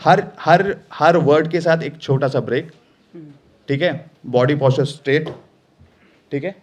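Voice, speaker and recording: A man teaching a live voice-over workshop in an animated, emphatic and playful way. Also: fairly high pitch, a little slow. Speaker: voice-over trainer.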